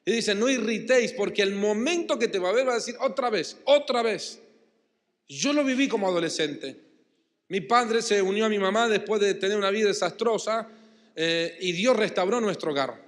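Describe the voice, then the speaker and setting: Argentine man preaching from the pulpit, high voice, lively call-and-response, big church reverb. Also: brisk. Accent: Rioplatense Spanish. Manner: emphatic, calls the congregation to repeat and answer. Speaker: pastor. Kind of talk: sermon. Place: church hall. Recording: long church-hall reverb.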